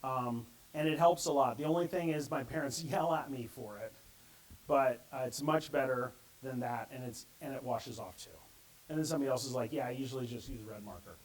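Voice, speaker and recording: A man's voice: medium pitch, normal speed, rough recording. A middle-aged man giving a conversational conference talk and acting out the quotes he reads. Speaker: conference speaker.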